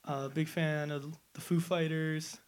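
Nineteen-year-old man, slightly high voice. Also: little pitch movement, a little slow. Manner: easygoing, rambling, friendly. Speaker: band member, interview guest. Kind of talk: casual interview answers.

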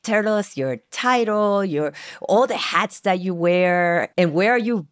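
A woman hosting an interview podcast, affirming her guest with quick interjections. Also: mid-range voice, clean tone, no room sound, clean studio sound. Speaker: podcast host.

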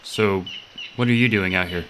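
A man playing a tabletop role-playing game, speaking in a measured way in character. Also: deep voice, a bit bright, slight background noise. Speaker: player.

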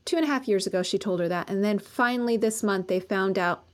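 A woman acupuncturist practicing in Colorado speaks fast at a medium pitch. She's a guest in a casual professional conversation, talking earnestly in long run-on stretches.

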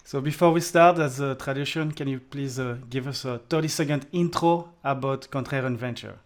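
A man's voice: mid-range voice, normal speed. A man hosting a podcast interview, upbeat and talking with frequent fillers. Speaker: podcast host.

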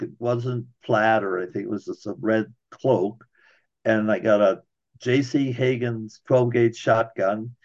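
A man's voice: mid-range voice, darkish tone, highs cut off. A man casually telling a personal story in a folksy way, talking straight to his listeners.

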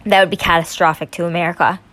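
A woman's voice: lowish voice, fairly even intonation, quick pace, a bit bright. A young woman vlogging her opinions on politics, growing emphatic and stumbling over her words as she gets worked up. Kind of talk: casual opinion commentary.

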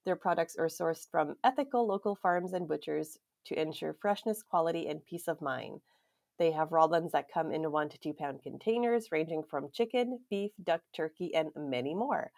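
A congested woman co-hosts a podcast, chatting casually at a normal speed and giggling often. Her voice is deep, creaky and a little mellow, and she uses lots of fillers.

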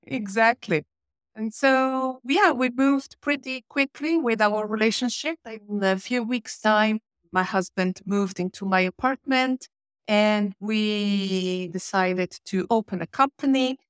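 Her mid-range voice is clear and resonant as she explains things steadily, often stopping on "uh," in a podcast interview. The guest is a change and communication manager from Switzerland and southern Italy, with Italian as her first language. The sound is dry and close, with no room sound.

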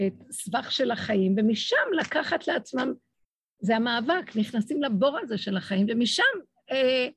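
A woman's voice: expressive, slightly rough. A middle-aged woman giving an emotional religious talk to an audience, acting out dialogues as she speaks. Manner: impassioned, acts out dialogues with swinging pitch.

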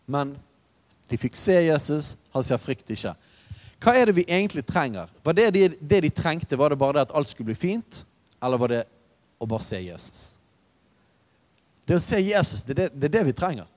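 A man preaching a sermon in a relaxed, conversational way, telling stories with asides. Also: a little high. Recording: reverberant hall.

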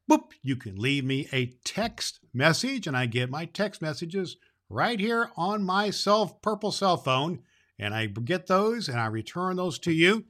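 A man's voice: fairly high pitch, sharp tone, full character voice. A man voicing a jolly, loving Santa Claus, hosting a children's show in a folksy, repetitive, theatrical way. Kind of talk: theatrical storybook podcast hosting.

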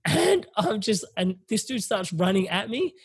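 A young man with a husky, raspy edge, pitched a bit high, tells a long story in loose, animated podcast chat. He swears freely and laughs through the telling. The sound is dry and close, with no room around it. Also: a little slow, no room sound. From from overseas, visiting family in India.

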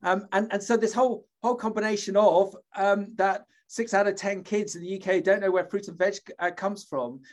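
Man from the UK, high voice, chatty interviewer, rambling, lots of ums and restarts. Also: steady tone, moderate pace, hardly any pauses. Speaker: host, interviewer. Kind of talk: conversational interview.

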